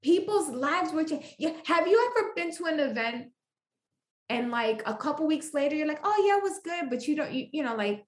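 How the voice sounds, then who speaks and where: A woman podcast guest telling a faith story in an animated, emphatic way, repeating phrases for effect. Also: high-pitched, moderate pace, echoey room.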